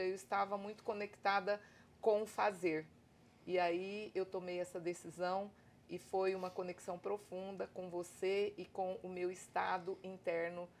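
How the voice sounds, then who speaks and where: A woman's voice: on the low side, a little mellow, a little hiss or hum. A Brazilian woman guest on a podcast, speaking earnestly and gratefully in spiritual terms. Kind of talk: heartfelt podcast testimony.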